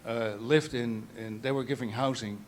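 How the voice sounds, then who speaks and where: An older man from the Netherlands with a Dutch accent, speaking at a panel talk in a meandering way, restarting phrases and clearing his throat. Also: medium pitch, fairly even intonation, normal speed, slight background noise. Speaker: photographer, guest artist.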